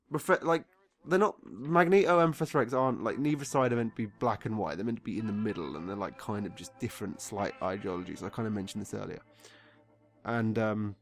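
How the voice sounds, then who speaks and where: A drunk man giving a casual, comedic film review, rambling off script, exasperated and swearing often. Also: mid-range voice. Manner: drunk, getting drunker, rambling and losing his thread.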